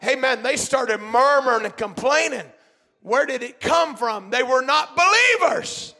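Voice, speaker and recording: A man preaching a sermon in a church, fervent and shouting in bursts, punctuated with amens and hallelujahs. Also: very high voice, expressive, measured pace, gravelly.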